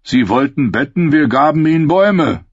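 A man's voice: on the high side, lively intonation, moderate pace, husky, no echo, muffled recording, pitched above the performer's own voice. A man reading a story aloud, voicing a brutal, cruel soldier who sneers and threatens. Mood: menacing. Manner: sneering, menacing.

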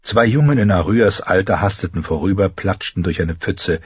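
Narrator with a low husky voice, measured scripted fantasy reading, dry dull sound. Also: male voice, no echo. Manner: measured, even storytelling. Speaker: audiobook narrator.

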